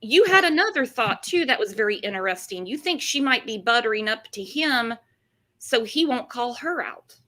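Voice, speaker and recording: Female true-crime host, sarcastic and chatty, bright forceful voice sitting a bit high. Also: expressive, normal speed. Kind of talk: casual true-crime commentary chat.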